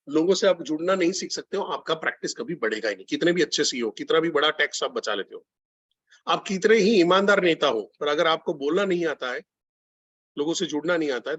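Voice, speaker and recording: A man's voice: fairly high pitch, fairly bright tone, husky, lo-fi sound. A man running an online sales training session, coaching listeners directly and repeating key phrases.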